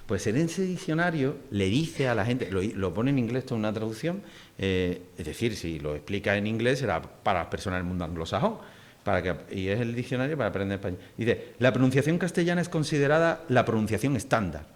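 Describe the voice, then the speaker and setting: A man's voice: fairly low pitch, lively intonation, a little fast. A middle-aged man from Huelva with an Andalusian accent, giving a public linguistics lecture in a casual, digressive way with many fillers and restarts. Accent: Andalusian Spanish. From Huelva, Spain.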